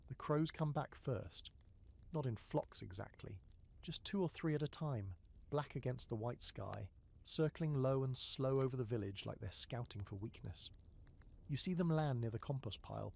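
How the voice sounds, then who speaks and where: A man narrating a calm, scripted bedtime history story in the second person, slow and soft, sometimes sinking to a whisper. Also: medium pitch, vocal fry.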